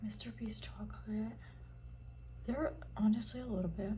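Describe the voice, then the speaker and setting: A young woman in her late twenties chats casually in an intimate, breathy ASMR whisper, close to the ear in a rambling, informal way. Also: medium pitch, steady tone, normal speed, warm tone, slight background noise. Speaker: ASMR content creator.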